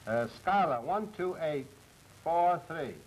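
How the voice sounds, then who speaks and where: A man's voice: a little high, animated, slow pace, a little hiss or hum, low-quality recording. An actor playing an obliging male fence who casually arranges deals over the phone. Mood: businesslike. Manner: easygoing, casual, talks business on the phone. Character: smooth male fence, obliging gangland fixer.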